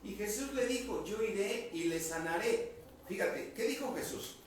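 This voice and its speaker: A man preaching to a congregation, his voice set fairly high for a man. He is picked up from some distance in a very echoey church hall with a faint hiss underneath. He keeps questioning his listeners and repeating key words. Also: animated, normal speed. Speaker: pastor. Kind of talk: sermon.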